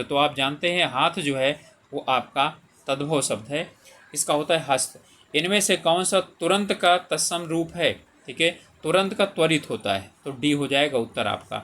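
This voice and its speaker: Man, teacher, explanatory exam walkthrough, bright tone, faint background noise. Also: fairly high pitch. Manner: explanatory, reads out questions and options, frequent fillers. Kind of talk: exam paper solution lesson.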